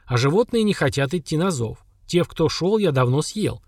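A man voicing an ancient, simple-minded lake monster, speaking in slow, blunt, flat statements. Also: a little high, breathy edge, no echo, studio quality. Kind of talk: audiobook character voice.

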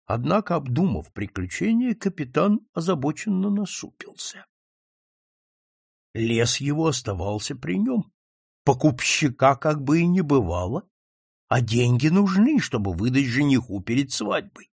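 A man narrating an audiobook in an expressive storytelling manner. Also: mid-range voice, unhurried, creaky, husky, dry recording, clean studio sound. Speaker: audiobook reader. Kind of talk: scripted narration.

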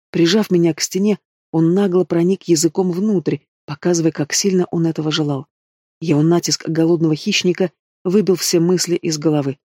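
A man reading a fantasy romance audiobook in first person, in an even, expressive way. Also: on the high side, dry recording, studio quality. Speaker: audiobook reader. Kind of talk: first-person novel narration.

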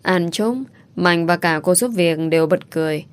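A woman narrating a family story in a calm, even storytelling voice. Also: fairly low pitch, normal speed, clear, resonant tone.

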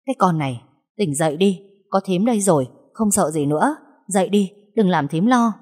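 A woman's voice: lowish voice, expressive, moderate pace, dark tone. A woman voicing a protective, motherly older kitchen aunt who comforts and scolds by turns, in a storybook reading. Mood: soothing. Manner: soothing, then firm and scolding. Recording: long hall reverb.

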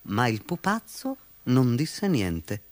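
Brief: male narrator for a children's fable, very animated pitch, dry close sound, soft music under. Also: takes it slowly, no echo. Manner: lively, expressive storytelling.

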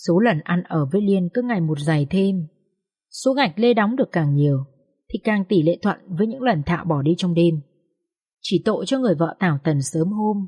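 A woman's voice: lowish voice, mellow, breathy edge. A woman narrating a social drama audiobook expressively, commenting on the characters as she reads.

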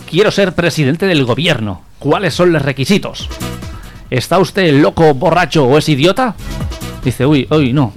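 Male radio comedy co-host, a slightly high voice, dry and relaxed delivery. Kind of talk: casual joke telling and news reading.

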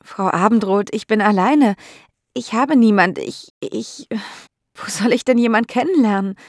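A woman's voice: medium pitch, measured pace, dry recording, studio quality, pitched above the performer's own voice, lightly acted. A woman voicing a polite, anxious young female educator. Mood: upset. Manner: polite, turning fearful.

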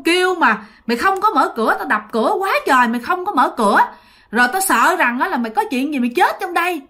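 A woman's voice: sits high, pushed and bright, voice pushed up. A woman voicing a worried middle-aged mother scolding her child. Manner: anxious, fussing.

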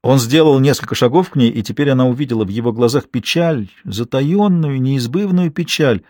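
A man narrating a novel aloud in a tense, expressive audiobook reading. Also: mid-range voice, brisk, dry recording, clean studio sound.

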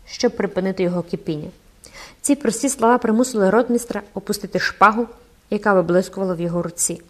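Expressive woman audiobook narrator. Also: medium pitch. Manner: measured, expressive storytelling.

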